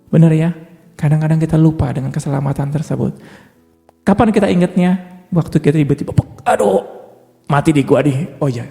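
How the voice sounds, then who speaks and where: A man with an Indonesian accent preaches a sermon, chatting with the congregation and firing off rhetorical questions. His voice is gravelly and mellow, a little higher than most men's. It rings in a reverberant hall, with soft music underneath. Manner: rhetorical questions, conversational and teasing.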